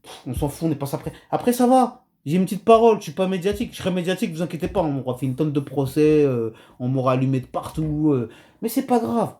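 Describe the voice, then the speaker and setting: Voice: mid-range voice, animated, fast talker, warm tone. A video commentator delivering a heated rant to camera, agitated and emphatic, with many hesitations and restarts.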